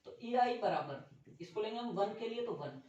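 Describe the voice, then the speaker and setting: A man's voice: high-pitched, expressive, darkish tone. A male physics teacher lecturing and quizzing his class in a firm, scolding way. He is recorded from a distance in a very echoey room. The sound is dull and lo-fi, with a faint hiss underneath. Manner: scolding, brisk teacher calling students to stand. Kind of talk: classroom lecture with student questioning.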